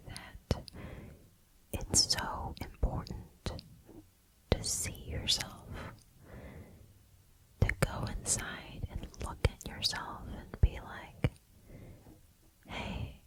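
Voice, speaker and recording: A woman giving a gentle, reassuring pep talk in an ASMR whisper, close to the microphone. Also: rough recording. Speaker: ASMR host.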